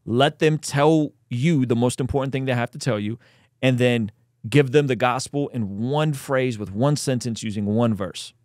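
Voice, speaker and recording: A man's voice: medium pitch, normal speed, a little mellow, dry recording, studio quality. A man giving casual, emphatic reaction commentary as a host, often repeating himself for stress. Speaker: host commenting on a video clip.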